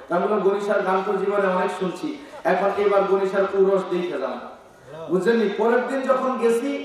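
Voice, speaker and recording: A high-voiced man with a Bangladeshi Bengali accent preaches at an outdoor gathering, half chanting and half shouting. His voice carries with heavy echo, as if through loudspeakers heard from a distance. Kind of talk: sermon. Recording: echoing loudspeaker sound from far off.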